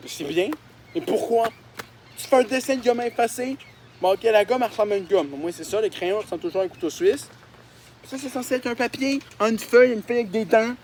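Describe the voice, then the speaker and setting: Lively intonation marks this casual vlog, where a young Québécois YouTuber with a high, slightly mellow voice talks a little fast about the drawings he made as a child. He cracks jokes at his own expense and swears a lot, while a faint hum plays in the background.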